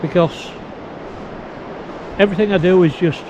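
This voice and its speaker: A man's voice: high-pitched, fairly even intonation, moderate pace. Man with sore-mouthed, toothache speech, windy recording. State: sore mouth, in pain after tooth extraction. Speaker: video blogger. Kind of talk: casual outdoor vlog, talking to camera. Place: outdoors on a windy beach. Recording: windy, noisy, muffled outdoor audio.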